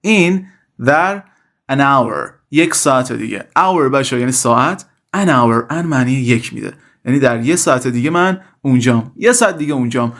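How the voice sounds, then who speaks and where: A male language teacher who pronounces example phrases slowly and deliberately, then explains them quickly and casually, often calling his students "kids". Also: mid-range voice, lively intonation, a bit bright. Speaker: English teacher. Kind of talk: language lesson, explaining in Persian.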